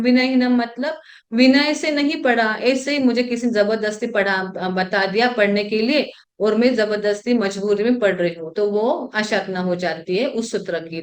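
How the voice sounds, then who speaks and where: A woman with a somewhat high voice leads an online scripture class. She explains each term patiently, step by step, and often asks rhetorical questions and fills pauses with a soft hmm. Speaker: religious class trainer.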